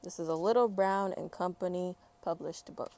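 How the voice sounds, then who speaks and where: A woman with a voice on the low side reads a children's picture book aloud, expressive and unhurried, adding informal, chatty asides. A little hiss or hum can be heard.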